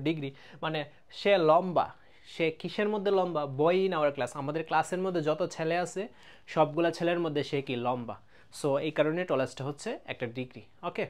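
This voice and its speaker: A man teaching an English grammar lesson in a casual video, explaining step by step, checking that students follow, and drawing out example words slowly. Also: fairly high pitch. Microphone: close mic, writing on a board.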